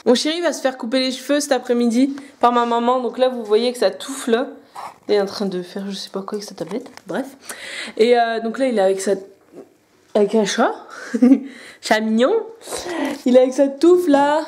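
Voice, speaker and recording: A woman's voice: fairly high pitch, mellow. A young woman chatting casually and hesitantly to her handheld camera at home, rambling as a vlogger. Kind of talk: casual vlog chat. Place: at home indoors.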